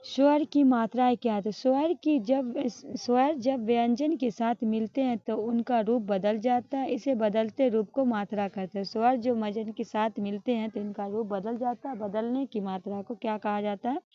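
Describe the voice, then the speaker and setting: A woman's voice: a little high, steady tone, normal speed, hardly any pauses, no room sound. A woman teaching an exam-prep grammar lesson, explaining step by step, asking questions and answering them herself. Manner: ends points with a checking "all right?". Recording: dull, lo-fi sound.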